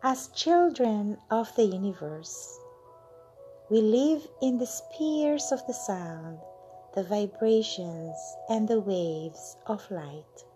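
A woman guides a channeled meditation at an extremely unhurried pace, letting each phrase stretch and trail into a breathy whisper. Her pitch sits in an ordinary middle range, calm and soothing. Soft music plays faintly behind her. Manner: slow, soothing, drawn-out delivery with breathy whispered endings.

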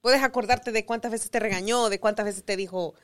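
A woman's voice: a little high, fairly even intonation, a little fast. A woman from Mexico on a family podcast, telling a childhood memory in a rambling, self-correcting way. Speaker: podcast co-host. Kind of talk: casual family chat.

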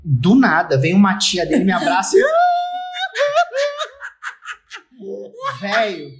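A young man with a Brazilian Portuguese accent, co-hosting a podcast and telling a story in a lively, laughing way with quick asides. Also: high-pitched, background noise. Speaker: podcast co-host. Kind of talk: casual storytelling chat.

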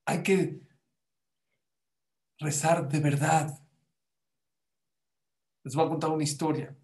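A man, a religious teacher who tells children stories and teaches them in an animated way, repeating words and asking them questions. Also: fairly high pitch, takes it slowly. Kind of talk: lesson and storytelling for children.

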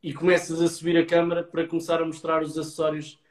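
A man's voice: fairly high pitch, flat delivery, fast talker. A man with a European Portuguese accent giving casual advice in an explanatory way, often checking in with short tag questions. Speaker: adviser giving website feedback. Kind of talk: casual advisory chat. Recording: echoey room.

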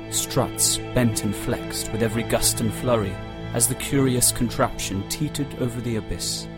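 A man reading a dramatic storybook prologue aloud in a slow, measured way. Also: lowish voice. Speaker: audiobook reader. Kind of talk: storybook narration.

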